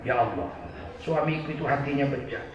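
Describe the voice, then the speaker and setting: A man voicing a pious wife who quietly prays for her drunken husband, in a hushed, pleading tone. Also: medium pitch, fairly quick, far from the mic, dull audio, voice pushed down, lightly acted. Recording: echoey mosque hall from afar, crowd.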